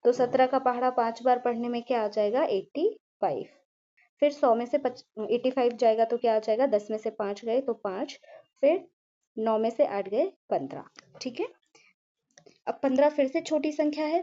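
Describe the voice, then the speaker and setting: A woman with a high but mellow voice teaches maths one careful step at a time. She keeps checking in with the class and answers her own questions as she works. The recording sounds a little dull and lo-fi. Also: normal speed. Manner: patient, repeats "ठीक है" and asks herself questions.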